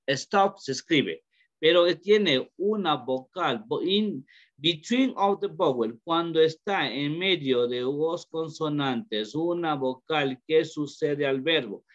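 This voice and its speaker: Hombre profesor de inglés, habla lento. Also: male voice, on the high side, expressive. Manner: slow, repeats questions to students, mixes English into Spanish. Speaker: English teacher. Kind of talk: online class lesson. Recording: dull lo-fi call audio.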